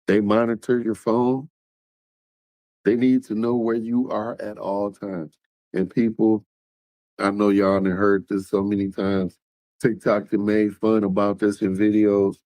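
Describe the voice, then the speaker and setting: A man's voice: lowish voice, level tone, a little slow, mellow, no echo. A man hosts a podcast and talks casually straight to his listeners, now and then acting out what other people say. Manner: conversational, talks straight to listeners, acts out quotes. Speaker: podcast host.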